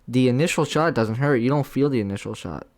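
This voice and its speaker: A man's voice: mid-range voice, brisk. Laid-back American man telling stories. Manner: animated storyteller, casual slang. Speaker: guest. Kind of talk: casual chat.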